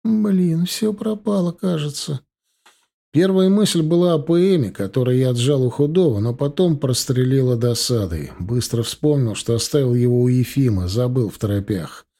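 Male audiobook narrator, husky and mellow, brisk and tough. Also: mid-range voice, lively intonation. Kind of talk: first-person audiobook narration.

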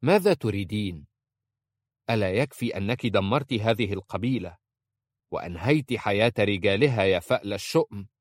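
A man's voice: fairly low pitch, expressive, fairly quick, no echo. A man voicing a scornful woman who speaks with contempt. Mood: contemptuous.

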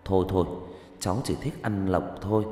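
A man's voice: deep voice, steady tone, brisk, warm tone, lightly acted. A man voicing a curious young boy who begs and wheedles. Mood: eager. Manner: eager, wheedling. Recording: echoey room with faint music.

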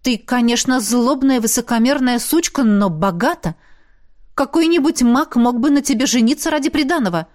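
A proud young woman necromancer from a fantasy audiobook, with a sharp and cutting delivery, as a woman voices her. Her voice is fairly high and close to the reader's own. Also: normal speed, lightly acted. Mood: scornful.

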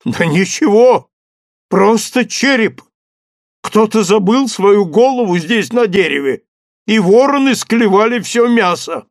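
A man's voice: high voice, animated, measured pace, no echo, clean studio sound, pitched above the performer's own voice. A man voicing an old male servant, simple and fearful, calling down in a plaintive, wheedling drawl. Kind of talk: audiobook character voice.

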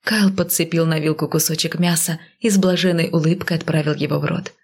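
Low, gravelly woman narrating an audiobook. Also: steady tone, brisk. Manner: hushed and soft, at times whispered. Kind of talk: first-person scripted narration.

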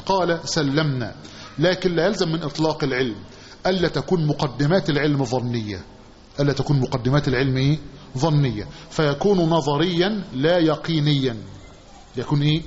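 A man with an Egyptian accent teaching a hadith commentary lesson, often quizzing his listeners with a drawn-out "what?" and repeating the answer. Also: on the high side, darkish tone. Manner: asks the class questions, repeating phrases with a drawn-out "what?". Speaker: religious teacher. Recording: dull lo-fi recording with faint hiss.

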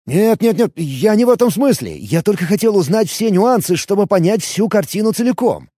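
A man's voice: fairly high pitch, animated, brisk, mellow, breathy edge, dry recording, pitched above the performer's own voice. A lovesick, hulking human paladin from a fantasy audiobook, as a male narrator puts him on, blustering and gabbling. His voice is raised above the reader's own and swings widely. The recording is dry and close. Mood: flustered. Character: lovesick hulking human paladin man, hot-headed, clumsy.

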